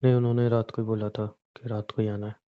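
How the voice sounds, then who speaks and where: A man's voice: on the low side, little pitch movement, fast, clear, resonant tone, narrow, tinny audio, close to an everyday voice. A man playing a stressed young husband who insists and reassures, sometimes flustered, in a scripted audio drama. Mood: insistent. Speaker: husband in a phone-call drama.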